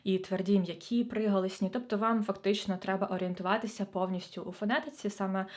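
A woman's voice: medium pitch, steady tone, fast talker. Woman tutor explaining exam prep. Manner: friendly, direct, addresses students. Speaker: Ukrainian language tutor. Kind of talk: online exam-prep lesson.

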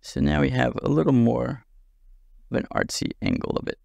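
Gravelly man talking through a tutorial. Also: medium pitch, wildly swooping pitch, moderate pace, a little mellow, no room sound, lo-fi sound. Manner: chatty, self-deprecating, thinks aloud. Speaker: software tutorial instructor. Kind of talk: casual screen-recorded tutorial.

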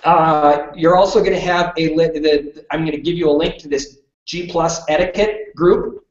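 With a slightly high voice, a steady tone and a moderate pace, a workshop presenter from British Columbia, Canada, addresses a live classroom audience. His manner is chatty, punctuated by frequent check-ins of "okay?", in a dull, distant, roomy recording.

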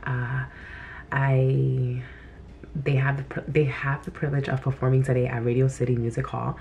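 A woman's voice: rumbling low, flat delivery, moderate pace, creaky, narrow, tinny audio, a little hiss or hum. A woman, a dance teacher, chatting casually to her camera in an upbeat way as she speaks straight to her viewers. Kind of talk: casual vlog talk to camera.

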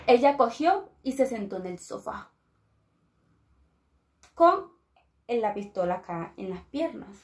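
A woman from Colombia telling a dark story aloud in a casual, conversational way, pausing and restarting as she goes. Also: a little high, sing-song. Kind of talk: oral storytelling.

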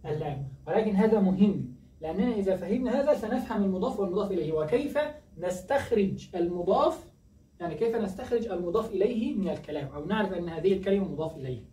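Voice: mid-range voice, animated, very fast, warm tone. A teacher giving a grammar lesson who keeps asking questions and answering them, repeating key words. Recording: echoey distant dull recording, faint noise.

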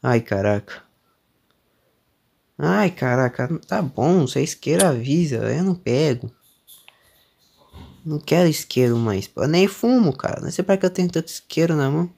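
A man's voice: fairly high pitch, animated, moderate pace, gravelly, pauses often, darkish tone. A young man with a Brazilian accent doing let's-play commentary on a horror game, nervous and jumpy, exclaiming often as he goes. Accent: Brazilian Portuguese. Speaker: gamer streamer.

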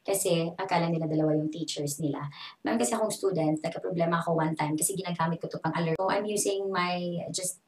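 A woman's voice: fairly low pitch, steady tone, fast, darkish tone. A young woman with a Filipino accent, an online English teacher giving a casual, chatty tutorial in English and Tagalog. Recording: echoey room.

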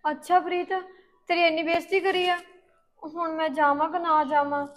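A woman's voice: very high voice, little pitch movement, moderate pace, no room sound. A young woman in a short film playing a worried, earnest college student. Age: young adult.

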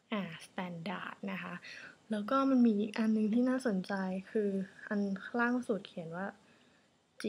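A woman's voice: mid-range voice, darkish tone, slight background noise. A woman giving a casual, polite tutorial on a ukulele tuner app, chatty and correcting herself as she goes. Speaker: ukulele teacher.

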